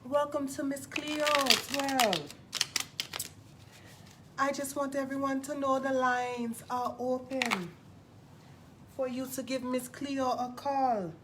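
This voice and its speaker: A woman playing a sassy, glamorous TV psychic who hosts a live call-in stream in a campy, drawn-out manner. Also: high-pitched, fairly even intonation. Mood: sassy, welcoming. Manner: campy, drawn-out, calls everyone darling. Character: sassy glamorous female TV psychic hotline host. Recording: noisy live stream audio.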